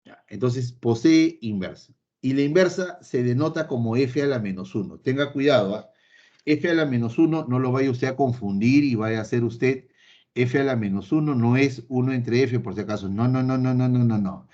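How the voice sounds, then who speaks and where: Guy teaching math, mid pitch, keeps repeating stuff for emphasis, kinda dull lo-fi sound. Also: moderate pace, mellow. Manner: playfully voices an imagined student answering him; repetitive, emphatic, addresses students directly. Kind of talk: recorded online math lesson. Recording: slightly dull lo-fi recording.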